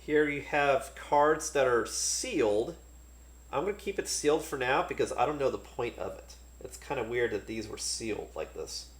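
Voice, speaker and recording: A man casually talking through a board game unboxing, relaxed and thinking aloud with many fillers. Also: medium pitch, moderate pace, roomy sound.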